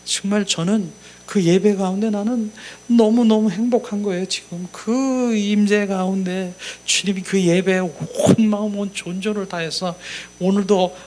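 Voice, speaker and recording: Fervent Korean pastor with a fairly high voice. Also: male voice, fairly even intonation, measured pace, few pauses, slight background noise. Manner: emotive preaching, swings from loud exclamations to soft murmurs. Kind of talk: sermon.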